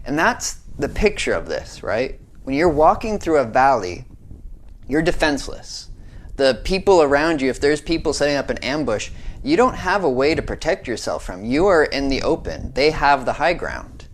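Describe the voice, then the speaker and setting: Very animated at a moderate pace, a young man from the United States delivers a brief devotional in a medium-pitched voice. He speaks earnestly and conversationally, regularly asking "right?" to check in.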